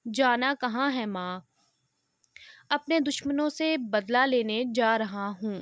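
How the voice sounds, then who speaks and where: एक महिला की आवाज़ में बदले पर अड़ा एक दृढ़ नौजवान, धीमी और ठहरी हुई बोली में अपनी बात पक्के इरादे से रखता है। आवाज़ ऊँची है और माइक के बिल्कुल पास, सूखी रिकॉर्डिंग में है।. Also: female voice, on the high side, takes it slowly, a bit bright, no room sound, clean studio sound. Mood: resolute. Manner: firm, resolute speech. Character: determined young man bent on revenge. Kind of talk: audio novel reading.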